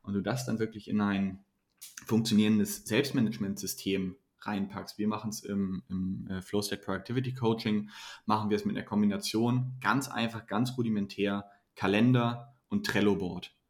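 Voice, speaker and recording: Low-voiced motivational male coach. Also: little pitch movement, moderate pace. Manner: earnest, motivational, with frequent restarts. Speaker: mentoring coach. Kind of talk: podcast interview answers.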